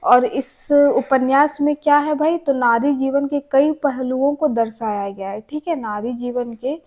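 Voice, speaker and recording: A woman's voice: high voice, measured pace, a little mellow. A young woman teaching a casual exam-prep lesson, chatty, who keeps asking and then answering her own questions.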